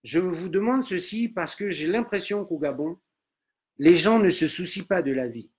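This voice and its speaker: A man's voice: high-pitched, animated, normal speed, slightly rough. A man translating a sermon into French, earnestly repeating each line after the preacher. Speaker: interpreter.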